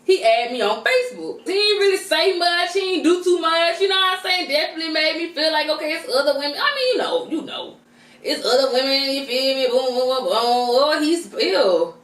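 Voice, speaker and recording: High-pitched female mukbang vlogger, slangy and conversational, talking with mouth full in an echoey room. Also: lively intonation, fairly quick, a bit bright, distant mic. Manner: talks with mouth full while eating. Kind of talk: casual storytime chat.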